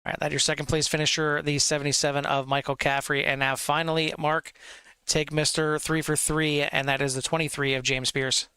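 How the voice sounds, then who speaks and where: A man hosting a sim racing broadcast, interviewing drivers after the race in an upbeat, quick manner. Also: fairly high pitch, little pitch movement, sharp tone, clear, resonant tone, dry recording.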